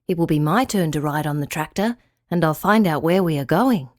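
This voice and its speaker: A woman voicing a gentle, kind male hay bale character in a children's audio story, speaking softly and a little lower than her own voice. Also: lively intonation, a little fast, no room sound, studio quality. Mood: wistful.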